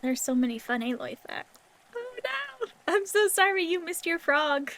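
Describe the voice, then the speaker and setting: A woman with a high voice chats as a livestreamer. Her delivery is cute in an anime-streamer way, and she rambles casually and informally to the people watching. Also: lively intonation, normal speed, fairly bright tone. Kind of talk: casual rambling chat with viewers.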